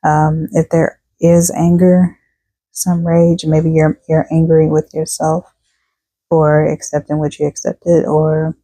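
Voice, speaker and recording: A woman's voice: low voice, monotone, slow, warm tone, poor audio. A woman doing a casual tarot reading for her viewers, chatting and reading card texts aloud, tired and yawning. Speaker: tarot reader.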